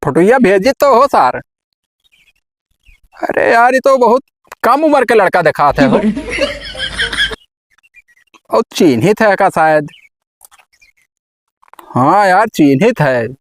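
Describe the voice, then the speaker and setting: A man acts out a boastful village drunk who passes himself off as a killer for hire. He haggles and blusters in an Awadhi accent with very animated pitch. It is a homemade comedy sketch with noise behind the voice. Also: measured pace, pauses often. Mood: scornful. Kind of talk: amateur rural comedy sketch acting.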